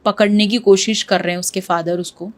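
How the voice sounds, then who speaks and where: A woman's voice: mid-range voice, steady tone, a little fast. A woman guest in an interview, telling a true ghost story in a vivid way and slipping English words into her Hindi. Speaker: podcast guest.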